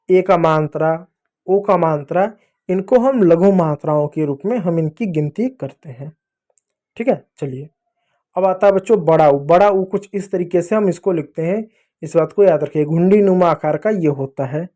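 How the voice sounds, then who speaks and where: High, mellow-voiced man teaching children. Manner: slow, drawn-out sounding of letters; patient, repeats sounds for pupils to copy. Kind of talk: explaining to children.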